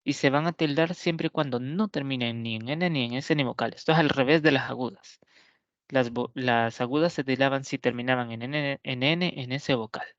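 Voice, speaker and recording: A male teacher giving an explanatory grammar lesson, asking rhetorical questions, answering them himself, and saying example words slowly. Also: medium pitch, fairly bright tone, dry recording. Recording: dull lo-fi dry recording.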